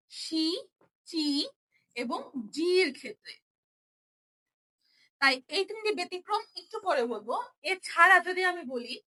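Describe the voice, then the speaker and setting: A woman's voice: very high voice, sharp tone, rough recording. A woman teaching a Japanese class, patiently explaining step by step with example syllables. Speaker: Japanese language instructor. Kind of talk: spoken lesson explaining writing rules.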